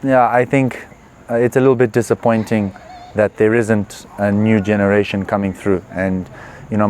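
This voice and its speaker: A man, a professional tennis player answering interview questions in an earnest, relaxed way with many fillers. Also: fairly low pitch, a little hiss or hum. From Zimbabwe. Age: 20s. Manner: relaxed, earnest, with frequent "uh" and "you know" fillers. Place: tournament venue.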